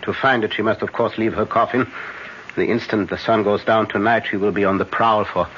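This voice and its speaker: An actor playing an older, authoritative professor who hunts vampires, speaking deliberately with hesitant pauses in a 1970s radio drama. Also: male voice, on the low side, fairly even intonation, lightly acted. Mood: grave, instructive. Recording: noisy, dull vintage radio recording.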